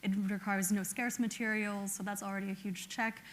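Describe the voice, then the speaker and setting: A woman's voice: mid-range voice, fairly even intonation, brisk, fairly bright tone. A woman representing an electrolyzer maker on a panel, speaking earnestly and often adding "right?". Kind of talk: panel discussion.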